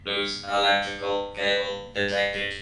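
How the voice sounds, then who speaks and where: A stern security robot on duty, voiced by a man, reading out its orders in a very low, completely flat monotone at an unhurried pace. The voice rings with a heavy echo. Loud music plays behind it. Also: lightly acted. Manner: flat, clipped, monotone announcements.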